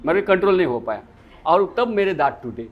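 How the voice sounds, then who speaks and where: A yoga teacher lectures his class in a high, animated voice that swings widely in pitch. He keeps putting questions to the room and answering them himself. Faint music plays behind him. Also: a little fast, narrow, tinny audio.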